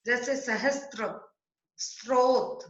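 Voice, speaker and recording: A woman teacher giving an online grammar lesson to children, explaining slowly and patiently step by step and asking them questions. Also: fairly high pitch, steady tone, very echoey, muffled recording.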